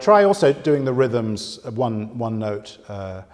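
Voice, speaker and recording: A man teaching piano talks slowly in a sing-song, medium-pitched voice, explaining with patience and counting fingers aloud during his demonstrations. Piano plays loudly in the background, and the very resonant room produces long reverb.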